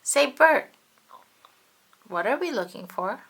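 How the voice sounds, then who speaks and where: Woman voicing Big Bird, bright and childlike. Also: on the high side, animated, takes it slowly, gravelly, slightly rough, voice pushed up, heavily acted. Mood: eager. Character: friendly, helpful, childlike big bird puppet.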